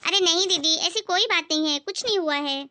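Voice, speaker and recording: A woman's voice: very high-pitched, a little fast, sharp tone, no room sound. A woman voicing a meek young daughter-in-law who talks politely and pleadingly in a cartoon story.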